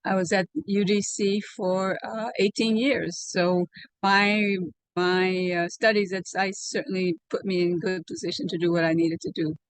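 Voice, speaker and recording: An older woman from Liberia, recounting her past in an oral history interview over a video call, speaking in a measured way with many fillers. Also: fairly low pitch, dry recording. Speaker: interviewee, alumna. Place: home room, indoors. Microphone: video call webcam.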